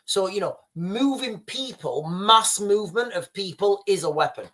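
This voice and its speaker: At a moderate pace, a Yorkshire man reads viewer comments on a casual livestream, his high, fairly bright voice full of lively intonation. He tends to ramble, repeating and restarting phrases, and often speaks to viewers as "guys."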